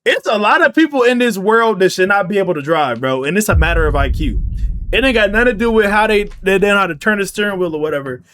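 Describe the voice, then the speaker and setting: A man streaming a casual reaction to a video, slangy and animated, swinging between incredulous shouts and muttered asides. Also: sits high, fast talker.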